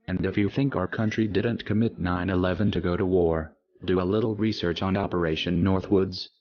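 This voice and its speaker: An anonymous man narrating a scripted message in a disguised, pitched-down deep voice, with a grave, declaring tone, on a dull lo-fi recording. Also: steady tone, a little fast. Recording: dull lo-fi audio.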